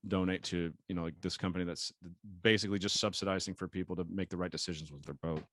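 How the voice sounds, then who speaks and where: An American man, a sailor guest on a podcast, telling stories in an animated, casual way with laughs and the odd swear word. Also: deep voice, fast talker. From United States. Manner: animated storyteller, laughs often, relaxed swearing. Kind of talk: casual chat.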